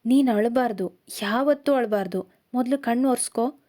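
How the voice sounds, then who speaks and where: A woman voicing a calm, gentle young husband in a storybook reading, speaking softly and steadily. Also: on the high side, normal speed, natural voice. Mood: tender.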